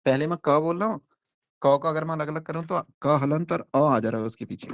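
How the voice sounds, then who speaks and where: A man's voice: on the high side, brisk, no echo. A young man teaching a phonics lesson in a classroom, explaining step by step and asking the class questions.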